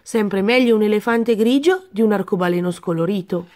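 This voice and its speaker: A woman voicing an easygoing elephant friend in a children's storybook reading, in a calm, reassuring tone. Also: mid-range voice, brisk, close to an everyday voice.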